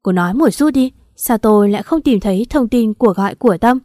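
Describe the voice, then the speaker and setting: A woman's voice: fairly high pitch, moderate pace, mellow, no echo, natural voice. A woman voicing a cold, furious husband who scolds harshly, in a dry close recording. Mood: angry.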